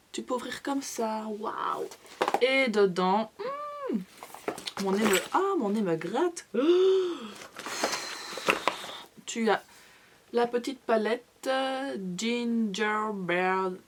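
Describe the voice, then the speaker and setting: A woman's voice: medium pitch, background noise. A young woman vlogger in a casual haul video, chatty and gushing, with playful asides to her viewers. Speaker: beauty vlogger.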